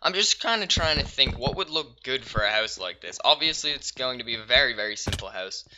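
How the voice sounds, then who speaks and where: A man giving relaxed let's-play commentary while building in a game, thinking aloud with many pauses and fillers and sudden excited bursts. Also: mid-range voice, lo-fi sound, noisy background. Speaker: gaming YouTuber.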